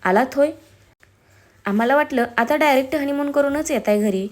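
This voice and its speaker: A taunting older in-law in an audio story, snide and mocking in every remark, as a woman narrator puts her on. The voice is dropped lower than the narrator's own. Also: quick pace, dark tone, natural voice.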